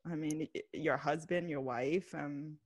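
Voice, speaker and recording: A woman in casual chat, measured and reflective, with many fillers. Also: low voice, steady tone. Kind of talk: casual chat about a reality show.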